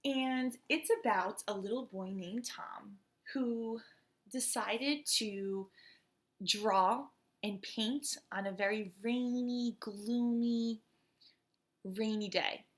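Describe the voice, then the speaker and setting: A US-born woman who is a school principal introduces a storybook and reads it aloud to children in a relaxed, chatty way full of fillers. Her voice is fairly high and her pace slow.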